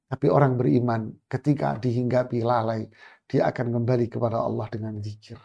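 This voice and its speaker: A man's voice: mid-range voice, steady tone, brisk, vocal fry, warm tone, muffled recording. A man giving an Islamic religious lecture, asking rhetorical questions, reciting Arabic phrases and translating them. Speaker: Islamic preacher. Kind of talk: religious lecture on a classical text.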